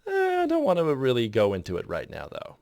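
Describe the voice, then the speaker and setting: A man talks through an editing tutorial in a loose, rambling voice-over, breaking off mid-thought and chuckling at himself. His pitch bounces around a lot. The recording is close and dry, with no room sound. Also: wildly swooping pitch, fairly quick, a little mellow, dry recording. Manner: rambling, self-interrupting, chuckling asides. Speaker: video editor explaining his process.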